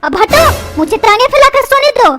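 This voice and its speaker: A stubborn, lazy cartoon schoolboy whines and talks back in a very high voice. The cheeky backtalk sits over loud background music. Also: female voice, sing-song, moderate pace. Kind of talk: cartoon dubbing.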